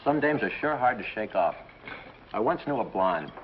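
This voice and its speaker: A man's voice: lowish voice, big pitch swings, normal speed. An actor playing an easygoing male friend who talks about fishing trips, in a 1950s film. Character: talkative male fishing-trip buddy, easygoing. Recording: muffled noisy old film soundtrack.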